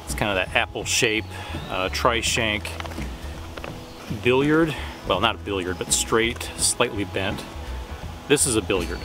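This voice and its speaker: Halting man chatting outdoors, music behind. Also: on the low side. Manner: halting, trailing off, thinking aloud. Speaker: pipe-smoking vlogger. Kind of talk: casual rambling chat to camera. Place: outdoors in the woods by a creek. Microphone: camera at about arm's length.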